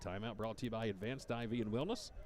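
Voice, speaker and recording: A man calling high school football play-by-play, rising to shouts on big plays. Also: fast talker. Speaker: play-by-play announcer.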